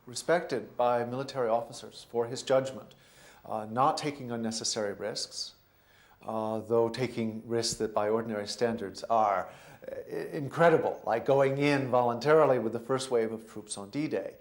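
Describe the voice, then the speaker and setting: A man speaking thoughtfully in a documentary interview, pausing often with hesitant fillers. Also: medium pitch.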